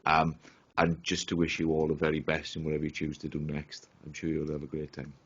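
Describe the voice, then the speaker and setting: Welsh man, councillor, very low voice, hesitant and wry, dull mic. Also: completely flat delivery, a little fast, slight background noise. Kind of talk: tribute speech at a council meeting.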